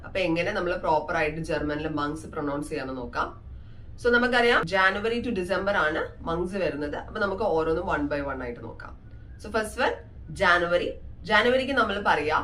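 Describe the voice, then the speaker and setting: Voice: mid-range voice, a bit bright, distant mic. A language teacher giving a pronunciation lesson, saying each word twice and slipping in English phrases.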